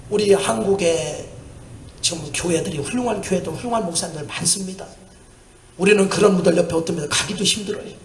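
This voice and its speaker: Animated preaching man in echoey church. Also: high-pitched. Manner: animated storytelling with laughter and shouts. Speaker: missionary preacher. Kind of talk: sermon. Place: church sanctuary.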